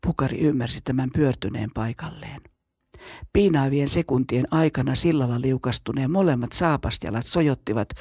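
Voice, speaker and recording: A storyteller reading a children's story aloud in a steady, measured way. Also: medium pitch, slightly rough, dry recording, clean studio sound. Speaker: narrator.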